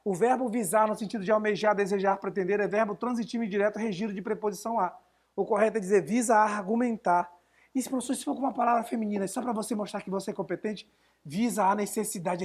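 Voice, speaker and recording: A man's voice: sits high, breathy edge. Chatty male writing teacher. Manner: chatty, answering viewers' chat questions. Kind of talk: live online class.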